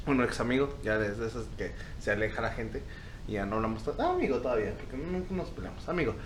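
A man's voice: mid-range voice, very animated, fast talker, background noise. A young man with a Mexican accent, chatting casually and joking with slang. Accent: Mexican Spanish. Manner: joking, slangy, laid-back. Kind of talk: casual chat.

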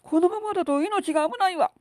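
A tired, sharp-tongued wife and mother, put on by a man in a spoken story. The voice is raised well above a man's speaking pitch and rises and falls a lot. It is close and dry. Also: sing-song, moderate pace, no echo. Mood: panicked. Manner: scolding then frantic.

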